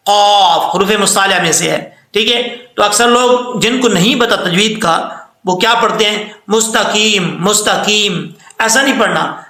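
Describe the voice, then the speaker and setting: A patient male recitation teacher explains the rules and then stretches each phrase out slowly. His voice sits high and bright, and a gravelly rasp runs under it. The sound bounces around a roomy, echoey space. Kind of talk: tajweed lesson with recitation.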